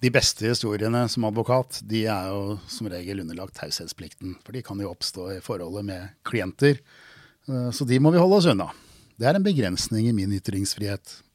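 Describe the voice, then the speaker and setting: A man, a lawyer guest on a podcast, telling an anecdote in a measured, wry way. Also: fairly low pitch, no echo, clean studio sound. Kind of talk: anecdotal storytelling.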